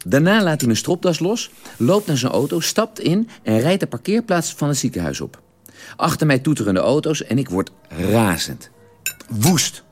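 A man in a radio drama telling a long, detailed story at the dinner table in a measured, drily precise way. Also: mid-range voice, big pitch swings. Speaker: character telling an anecdote at a family dinner.

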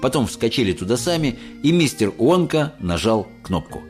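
A man reading a children's story aloud as an expressive audiobook narrator. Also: medium pitch, normal speed, soft background music.

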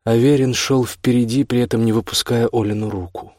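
A male narrator reading a novel aloud in a steady, even manner. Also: medium pitch, fairly quick, no room sound, clean studio sound. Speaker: audiobook narrator. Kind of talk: audiobook narration.

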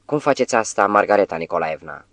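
An astonished young housemaid in an audiobook, as a male reader voices her, asking awed, breathless questions. The voice stays deep, and the sound is dry and close. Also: expressive, creaky, a bit bright, no echo.

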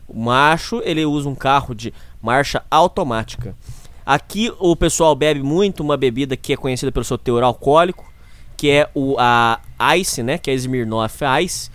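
A man's voice: a little high, no echo. A man with a Brazilian accent hosts with a casual spoken introduction, full of repetitive, tongue-in-cheek macho bravado. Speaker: show host.

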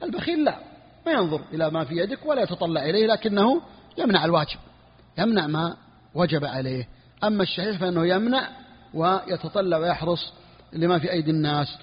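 A man's voice: high-pitched, expressive, quick pace. A man teaching a religious jurisprudence lesson, explaining a text and repeating each point for his students. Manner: repeats key phrases, asks students if clear. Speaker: sheikh teaching Hanbali jurisprudence. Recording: lo-fi, long reverb hall.

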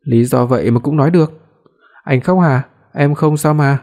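Người đàn ông giả giọng cô vợ trẻ nhõng nhẽo. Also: male voice, on the high side, moderate pace, a little mellow, lightly acted. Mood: tender. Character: young wife, playful and clingy.

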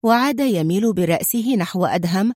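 A woman narrating an audiobook with steady storytelling. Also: medium pitch, fairly quick, no room sound, clean studio sound.

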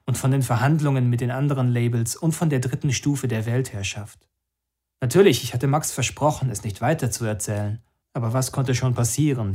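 Calm male audiobook narrator. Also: mid-range voice. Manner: calm storytelling voice that lifts for quoted lines. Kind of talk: first-person novel narration with acted dialogue.

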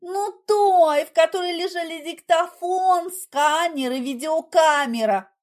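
A woman reading an audiobook, voicing an excitable, frightened young woman who speaks in an agitated, pleading way. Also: takes it slowly. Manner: agitated, pleading, high-strung.

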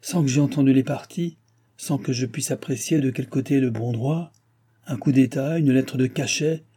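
A man's voice: medium pitch, normal speed, mellow, husky, pitched above the performer's own voice, natural voice. A man voicing an aging, evasive king in an audiobook, exclaiming in exasperation. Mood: exasperated. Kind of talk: audiobook reading.

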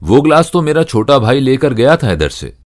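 A man's voice: medium pitch, very animated, moderate pace, voice pushed up, lightly acted. A man voicing a kindly elderly pilgrim who asks polite, curious questions in a told story. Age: older.

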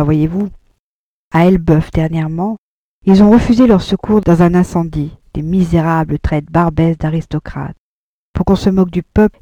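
A woman's voice: lowish voice, dark tone, no room sound, muffled recording, natural voice. A woman voicing an earnest young working man who pleads and rails in despair, in an audiobook. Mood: agitated. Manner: pleading, agitated outbursts. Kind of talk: audiobook dialogue.

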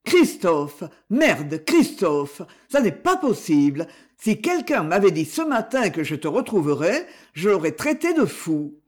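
A woman doing a lively outspoken woman. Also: a little high, slow, pitched above the performer's own voice, heavily acted. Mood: overjoyed. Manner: cheerful, emphatic.

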